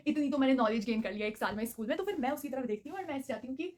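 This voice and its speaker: A young woman in her late teens telling a animated casual school story, mixing English words into her Hindi and acting out what people said. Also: high voice, rapid-fire. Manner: animated, mixes English into Hindi, acts out quotes. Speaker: student vlogger telling a story.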